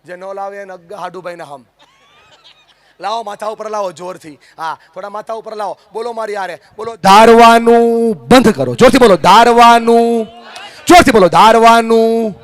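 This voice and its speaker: A male motivational speaker working a live audience from the stage with a handheld mic. His voice sits high and energetic as he drives rhythmic, repeated slogans. He keeps calling on the crowd to shout the lines back. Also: fast talker. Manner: energetic, call-and-response with the crowd. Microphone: handheld microphone.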